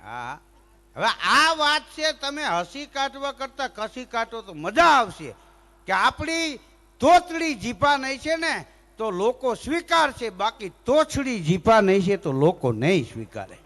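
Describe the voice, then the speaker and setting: A man spins comic folk tales in a high, gravelly voice. He slips into stammering and sung impressions of his characters. The sound carries a long hall reverb. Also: unhurried. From Gujarat, India. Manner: animated, mimics characters with stammers and singing. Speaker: folk storyteller and humorist.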